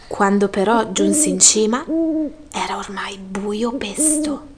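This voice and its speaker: A woman's voice: mid-range voice, takes it slowly, a loud crowd. Woman reading a children's storybook aloud. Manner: gentle, lively read-aloud with voiced characters.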